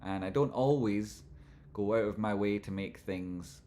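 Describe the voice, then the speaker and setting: Low-voiced man with broad Scottish accent. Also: a little slow, mellow, a little hiss or hum. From Scotland. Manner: informal, rambling, not crisply enunciated. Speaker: livestream host and trading analyst. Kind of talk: live chart commentary and casual chat with viewers.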